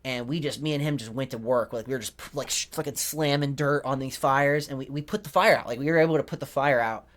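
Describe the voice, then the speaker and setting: A man's voice: mid-range voice, fast, hardly any pauses, a bit bright. A young man hosting a podcast, telling a rambling, profane story about his family in a casual monologue, full of "like" and restarts. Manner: rambling, profane, self-interrupting with lots of "like". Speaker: podcast host, rookie stand-up comedian.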